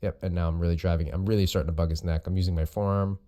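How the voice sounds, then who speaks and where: Deep, mellow-voiced man coaching casually. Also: little pitch movement, racing. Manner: informal, explanatory. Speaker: host and jiu-jitsu coach. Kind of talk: casual video commentary on recorded sparring.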